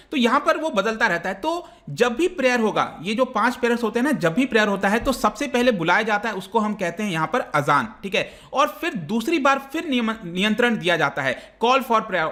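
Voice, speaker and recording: An online exam-prep teacher with an Indian accent gives a current-affairs lecture, explaining things step by step in a conversational way and mixing in English terms. His voice sits high, sounding pushed and bright.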